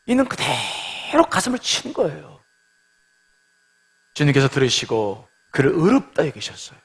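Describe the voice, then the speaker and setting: A man's voice: on the high side, huge pitch swings, normal speed, slightly rough. A middle-aged male pastor giving a sermon in a conversational style that swells into emphatic passages.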